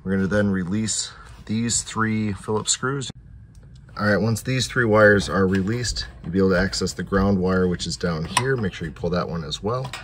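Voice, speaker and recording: Recorded on a handheld camera's built-in mic amid the noise of a home basement furnace room, a man hosts a casual DIY repair tutorial. His voice is low-pitched with a fairly bright tone, and he explains each step informally at a normal speed.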